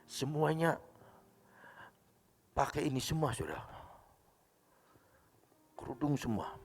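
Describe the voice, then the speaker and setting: A male pastor giving a sermon, telling a story and acting out the dialogue, with sudden loud bursts. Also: a little high, lively intonation, slow, slightly rough, long reverb tail, soft background music. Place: church.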